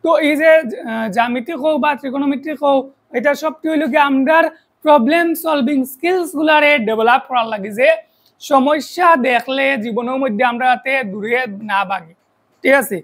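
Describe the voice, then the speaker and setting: A woman's voice: sits high, normal speed, poor audio. A woman with a Sylheti accent teaching a math lesson for an online video, explaining step by step and often checking in with rhetorical questions.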